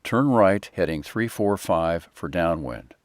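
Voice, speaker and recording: A man's voice: deep voice, animated, unhurried, dry recording, studio quality. A man working as a pilot, making terse, procedural cockpit callouts and checklist calls in short, clipped phrases. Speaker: airline pilot.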